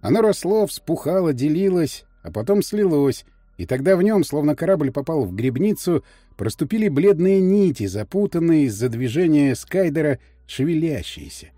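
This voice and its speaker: A man narrating a science fiction story for an audiobook in an expressive, storytelling manner. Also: on the high side, normal speed, no room sound. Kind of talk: scripted narration.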